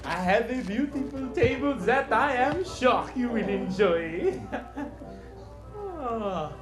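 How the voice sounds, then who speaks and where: A smug, fawning waiter; unhurried delivery, roomy sound with music. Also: female voice, fairly high pitch, lively intonation. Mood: sly. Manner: oily, giggly, ingratiating. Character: smug chatty hotel waiter. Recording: echoey room with music.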